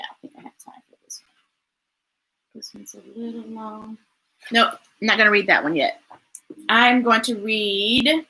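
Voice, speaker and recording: A woman's voice: on the high side, gravelly, bright, forceful tone, breathy edge. A woman reading picture books aloud to children, enthusiastic and chatty. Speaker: children's story reader. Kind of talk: storytime read-aloud.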